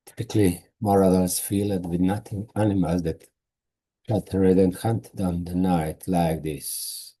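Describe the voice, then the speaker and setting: Croatian-accented male author, non-native, reads own book slowly, low husky voice. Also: fairly even intonation, mellow. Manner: slow careful non-native reading with restarts. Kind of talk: reading his own novel aloud.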